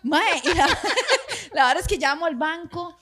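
A high-pitched Costa Rican woman in her thirties, spinning a long story in lively casual chat. She swears freely and laughs her way through the telling. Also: measured pace. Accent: Costa Rican Spanish.

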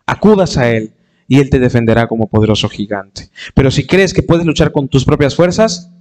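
A man's voice: animated, normal speed, a little mellow. A man preaching a sermon in an impassioned way, acting out the voices of hurting people. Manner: impassioned, acts out quoted voices with rising pitch.

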